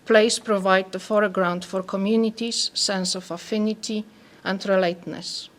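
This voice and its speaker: A woman from Poland with a Polish accent, an anthropologist speaking softly and carefully as she reads a prepared talk. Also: mid-range voice, steady tone, moderate pace. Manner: soft-spoken, careful reading.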